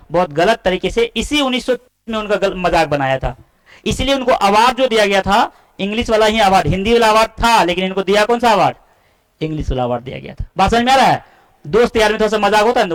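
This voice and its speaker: High-voiced man teaching. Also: animated, quick pace, rough recording. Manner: asks students questions and answers them himself, repeating key points. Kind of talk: classroom-style lesson explanation.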